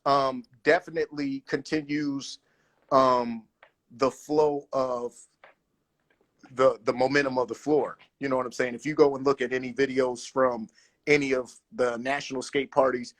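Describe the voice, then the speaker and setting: A man in a relaxed guest conversation with a mid-range voice. He talks with a lot of animation, often restarts his sentences and keeps checking in with "you know what I'm saying". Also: mid-range voice, normal speed. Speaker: guest roller skater. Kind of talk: casual conversation.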